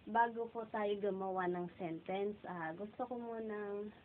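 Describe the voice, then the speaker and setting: A woman giving a casual online grammar lesson, asking "okay?" over and over and repeating verb forms slowly and clearly. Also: medium pitch, fairly even intonation. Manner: keeps asking "okay?" and saying "guys". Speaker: English teacher. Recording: tinny phone-like sound, faint noise.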